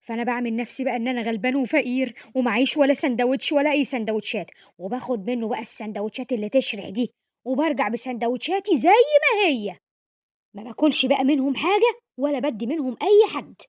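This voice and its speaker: A woman's voice: high voice, animated, fast, darkish tone. A woman playing a cheeky, scheming schoolboy son with an Egyptian accent who rambles through excuses. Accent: Egyptian Arabic. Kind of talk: comedy sketch acting.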